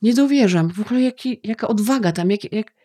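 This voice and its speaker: A woman's voice: medium pitch, brisk, mellow, breathy edge. A middle-aged woman co-hosting a podcast in casual chat, emotional and tearful, rambling with many restarts. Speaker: podcast co-host.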